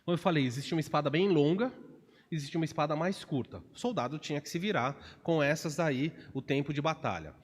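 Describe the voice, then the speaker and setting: A man with a Brazilian Portuguese accent, a pastor preaching an expository sermon in a church, animated and acting out quotes in changing voices. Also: fairly high pitch, quick pace, husky. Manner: animated, acts out quotes with shifts of voice. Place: church sanctuary. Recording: long reverb of a church hall.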